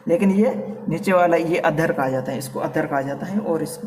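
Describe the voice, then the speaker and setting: A man's voice: on the high side, darkish tone, a little hiss or hum. Distant Rajasthani man teaching phonetics. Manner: repeats sounds slowly, addresses students as beta. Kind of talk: Hindi grammar class.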